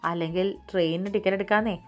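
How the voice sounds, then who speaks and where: A dutiful middle-aged son , played by a woman narrator, speaking with calm, polite reassurance in her ordinary mid-range voice. Light music sits beneath the storybook reading. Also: mid-range voice, racing, close to an everyday voice. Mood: reassuring.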